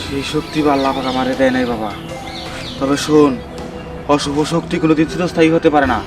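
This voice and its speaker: A man's voice: on the high side, fairly even intonation, fast talker, gravelly. A man playing a grave, pious old village holy man in a drama, warning solemnly with a rural Bangladeshi accent. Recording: distant mic with music over it.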